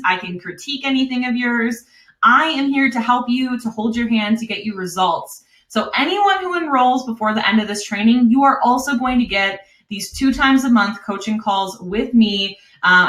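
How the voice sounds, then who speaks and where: Wisconsin woman, webinar sales pitch, bright forceful voice, echoey room. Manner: upbeat, chatty, laughs often. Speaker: online course host.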